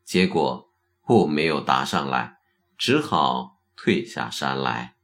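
A man voicing a dejected wandering monk in a told story, low and rueful. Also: expressive, slow pace, fairly bright tone, full character voice. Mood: downcast. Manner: downcast, rueful.

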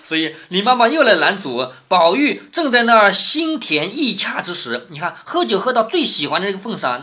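A man's voice: sits high, pushed and bright. A middle-aged man reading a classic novel aloud to his daughter and explaining it, often asking "right?" and acting out the quoted lines. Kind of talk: explaining story to a child.

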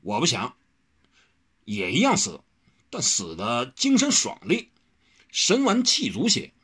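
A man voicing a petulant, sharp-tongued young swordsman who fusses, whines and protests. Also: mid-range voice, wildly swooping pitch, husky, pitched above the performer's own voice, full character voice. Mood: indignant. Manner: fussy, whiny, quick to protest.

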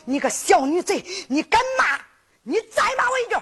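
A woman voicing an angry fifteen-year-old scholar boy with a Henan accent in sung folk storytelling, shouting indignantly. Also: very high-pitched, animated, measured pace, faint music behind, exaggerated voice.

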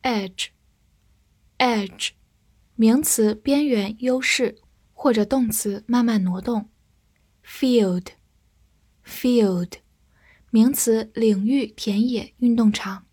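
Woman teaching vocabulary, spelling words slowly. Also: fairly high pitch, steady tone, mellow, breathy edge, no room sound, studio quality. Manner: spells words letter by letter and repeats them slowly. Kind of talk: explanatory vocabulary lesson.

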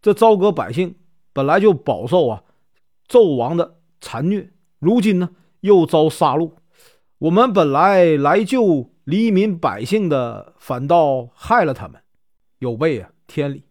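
A man voicing a calm, wise old male strategist who reasons in a measured way in a told story. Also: a little high.

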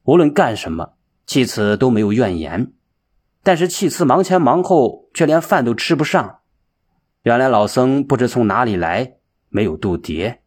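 A man narrating a story as an audiobook reader, slow and measured. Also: medium pitch, expressive, darkish tone, husky.

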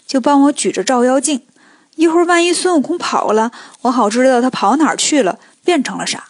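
A woman's voice: high voice, expressive, a little fast, no echo, studio quality. A woman voicing a bold, scheming male warrior god in a storybook tale, talking in a cocky, teasing way.

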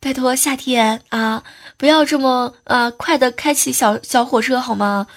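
A woman's voice: high-pitched, unhurried, soft background music. A woman hosting a comedy show, telling funny everyday stories in a playful, teasing way. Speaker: host. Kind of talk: comic joke storytelling.

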